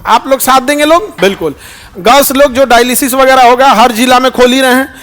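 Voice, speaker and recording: A middle-aged man with a Bihari Hindi accent, giving a lively, joking informal talk to an audience and often asking them questions. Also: very high-pitched, a little fast, soft background music. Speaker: teacher and public speaker.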